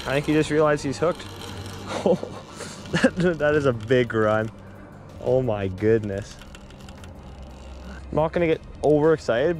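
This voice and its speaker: A young man filming himself fishing on a river shore, chatting excitedly on an action camera with lots of fillers and restarts. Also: mid-range voice. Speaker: fishing vlogger. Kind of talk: casual on-the-spot fishing commentary. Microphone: action camera on body.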